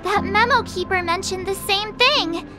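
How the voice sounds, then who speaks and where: An actress voicing a surprised young girl in a video game, speaking slowly and wonderingly. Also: very high voice, over music. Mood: startled.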